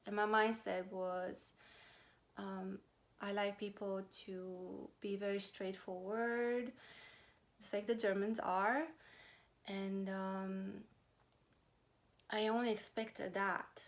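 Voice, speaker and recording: A woman in her thirties, originally from Romania, talking to her viewers in a casual personal vlog, pausing often with fillers. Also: medium pitch, flat delivery. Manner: hesitant, many pauses and fillers. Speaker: vlogger. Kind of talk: casual personal talk to camera.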